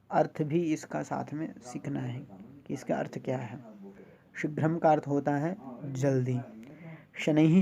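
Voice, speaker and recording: A man teaching Sanskrit in a slow recorded lesson, patiently saying each word aloud for his pupils to repeat. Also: a little high, gravelly, mellow. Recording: dull lo-fi recording.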